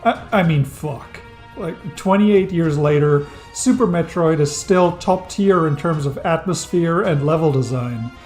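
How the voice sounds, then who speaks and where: In scripted video-essay narration, a thirty-year-old game reviewer whose first language isn't English looks back on a game. His voice is a little high and a little mellow, his pace unhurried, with soft music behind him. He narrates wryly and enthusiastically, telling dry jokes.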